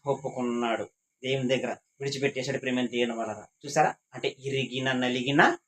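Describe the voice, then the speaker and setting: A man's voice: medium pitch, fairly quick, fairly bright tone, a little hiss or hum, rough recording. A man leading a Bible class, repeating his points and quizzing the class with questions. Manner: repetitive, asks the class questions.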